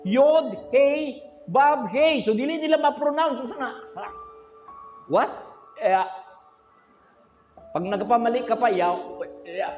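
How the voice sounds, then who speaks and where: A man's voice: very high voice, darkish tone. A man preaching a sermon at a livestream, teaching by spelling out letters and quizzing the congregation. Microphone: handheld microphone. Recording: echoey hall, dull lo-fi sound.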